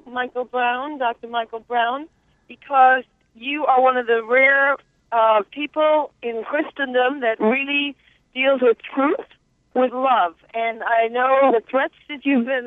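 A woman's voice: on the high side, no echo. A woman phones in from her car, speaking earnestly and restarting her sentences as she goes. The call comes through a clipped, tinny phone line that keeps cutting in and out. The sound is thin and dry, with no room around it. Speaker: caller. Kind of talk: call-in conversation. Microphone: mobile phone.

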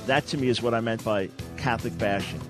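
A man's voice: mid-range voice, quick pace, over music. Firm man hosting a call-in radio show. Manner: firm, steady, speaks in long earnest stretches. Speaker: radio talk show host.

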